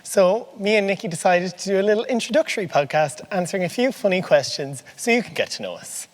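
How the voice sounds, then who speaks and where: A man's voice: high voice, lively intonation, fast. A man in his early twenties with an Irish midlands accent, chatting casually and talkatively as a student podcast co-host. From Portlaoise, Irish midlands. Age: early 20s. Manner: talkative, informal. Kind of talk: casual chat.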